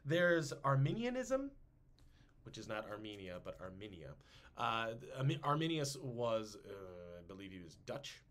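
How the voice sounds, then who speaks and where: A man's voice: medium pitch, normal speed. A man hosting a casual history podcast, joking around and slipping into silly voices. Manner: animated, jokey, puts on silly voices. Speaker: podcast host.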